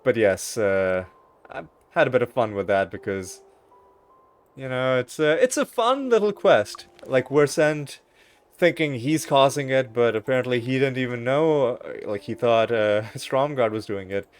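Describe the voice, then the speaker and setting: A man's voice: mid-range voice, big pitch swings, a little slow. A man hosting a let's play, talking through a game casually with wry, rambling asides and frequent self-corrections. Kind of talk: casual gameplay commentary.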